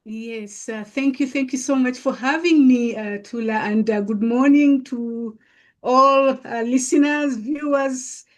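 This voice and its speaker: A woman from East Africa, with ties to Uganda and Kenya, speaks as a podcast guest, coach and mentor, telling her own story in an interview. She has an East African accent and a voice that sits high, and she talks in a halting, deliberate way, repeating phrases for emphasis.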